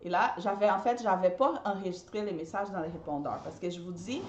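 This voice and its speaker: A woman's voice: lowish voice, fairly quick, reverberant. A woman who is not a native French speaker gives casual advice straight to her viewers, often repeating herself. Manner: chatty, repeats herself, addresses viewers directly. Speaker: party decorator and business coach.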